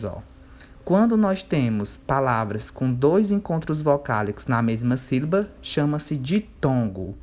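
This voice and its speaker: Man, teacher of young kids, patient, drawls words out slowly to spell them, keeps checking that the class follows. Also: mid-range voice, a little mellow. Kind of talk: remote workbook lesson for children.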